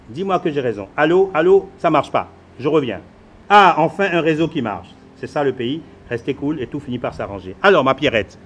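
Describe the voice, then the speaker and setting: Man acting out a boastful Beninese husband, Beninese French accent, rushed, brash, fond of English slang. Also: mid-range voice, a little hiss or hum, lightly acted. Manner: mixes English words into French, boastful and hurried. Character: flashy busy Beninese husband, phone-obsessed, self-assured. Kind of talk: theatrical monologue.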